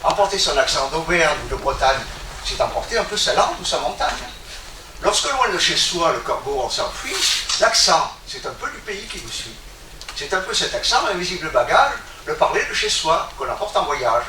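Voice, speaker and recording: A man reciting a poem aloud to a gathering in a declamatory, expressive way. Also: fairly high pitch, moderate pace. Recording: echoey room from a distance, background noise.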